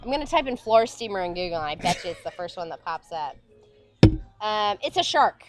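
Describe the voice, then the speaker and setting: A woman's voice: medium pitch, very animated, fairly quick, soft background music. A middle-aged woman from Florida co-hosting a casual chat, giggly and rambling with many restarts. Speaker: co-host. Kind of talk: casual chat while drinking.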